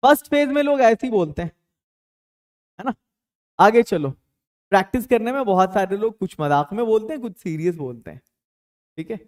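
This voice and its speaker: Lively, high-pitched male English teacher. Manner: lively, repeats example sentences slowly; casual and playful teaching. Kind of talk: spoken English lesson in Hindi.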